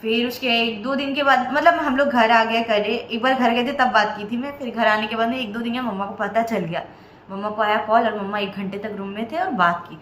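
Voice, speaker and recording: Brief: young woman, high voice, animated storyteller, roomy echo with faint background noise. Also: a little fast. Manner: animated, acts out family members' lines. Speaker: vlog co-host. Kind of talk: casual personal storytelling.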